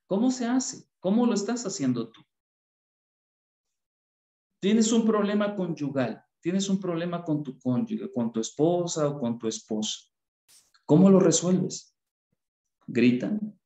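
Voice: medium pitch, expressive, a little slow, long pauses, warm tone, reverberant. A speaker gives a parenting workshop talk with a Bible reading and keeps putting rhetorical questions to the listener.

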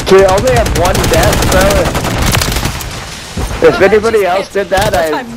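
A man's voice: sits high, moderate pace. An American man with a slangy frat-bro manner, chatting casually and hyping up a friend during an online shooter. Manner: frat-bro talk, slangy, full of dude and bro. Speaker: gamer playing with a friend. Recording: loud gunfire and game noise behind voice. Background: shooter game gunfire.

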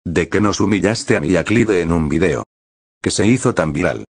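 A man reading the lines of a short-tempered boy in a flat, even way. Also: low voice, moderate pace, husky, dry recording, studio quality, heavily acted. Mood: angry.

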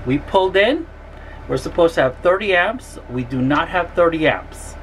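A woman's voice: lowish voice, animated, moderate pace, a little hiss or hum. A woman travel vlogger ranting angrily and swearing about her RV campsite. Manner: furious, profane complaining. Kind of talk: angry vlog rant.

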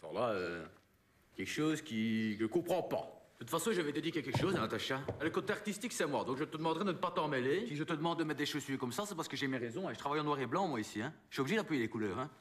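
A sleazy, pushy glamour photographer, played by a man in a film comedy, speaking with a Belgian French accent. His voice sits high and swings widely as he lectures and coaxes, always patronizing. He keeps adding "hein" to his sentences. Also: animated, very fast, natural voice. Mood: lecturing. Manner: bossy, patronizing, tacks "hein" onto sentences.

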